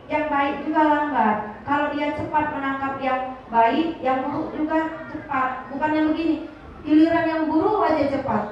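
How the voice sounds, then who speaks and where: A woman giving a religious parenting talk to parents, lively and often laughing as she acts out little exchanges. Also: sits high. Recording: echoey hall, distant mic, dull and noisy.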